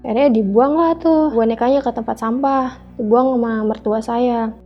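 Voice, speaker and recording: A woman recounts her own story to an interviewer, slipping into the voices of the people in it and tagging each line with a little "gitu". Her voice sits a touch high, and the recording is dull and lo-fi with faint music under it. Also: moderate pace. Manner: re-enacts dialogue, filling speech with "gitu". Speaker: interviewee telling a personal story. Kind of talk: emotional first-person storytelling.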